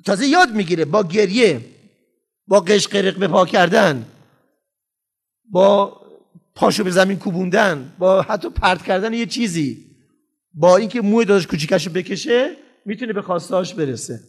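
Animated high-voiced man lecturing. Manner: emphatic, acts out parents and children. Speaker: parenting lecturer. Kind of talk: lively lecture to an audience.

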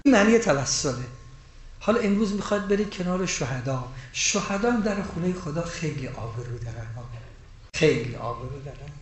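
A man preaching a sermon, moving between loud emphatic rises and hushed, quiet storytelling. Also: high-pitched, slight background noise. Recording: echoey room with faint ambience.

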